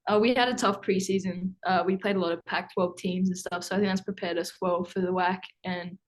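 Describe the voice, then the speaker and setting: A woman's voice: lowish voice, steady tone, fairly quick, poor audio. Young woman with a Tasmanian accent. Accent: Tasmanian Australian. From Tasmania, Australia. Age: young adult. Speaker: college basketball player. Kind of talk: casual interview answers. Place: indoor team room, video call.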